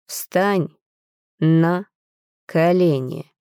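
A woman's voice: on the low side, animated, mellow, no echo, studio quality. A woman reading a cold, commanding dragon husband. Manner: slow, drawn-out, commanding. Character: cold domineering male dragon king husband.

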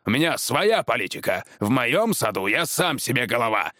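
A gruff, hot-tempered woodcutter who barks his complaints, as a male storyteller voices him. The delivery swings widely and is recorded dry and close. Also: mid-range voice, sing-song, moderate pace, bright, forceful tone, no echo. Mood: angry. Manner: barking, blustering.

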